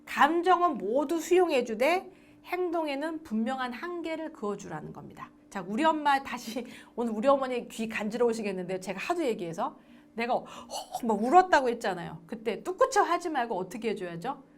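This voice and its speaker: A woman's voice: a little high, brisk. A woman lecturing on adoption and parenting, asking the audience questions and acting out parent-child talk. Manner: lively, acts out parent-child dialogue; asks the audience questions and answers them.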